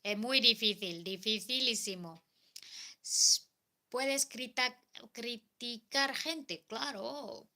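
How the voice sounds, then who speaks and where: Woman, Indonesian accent, non-native Spanish, casual live stream chat, very slow, repetitive, many fillers, clear bright tone. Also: on the high side.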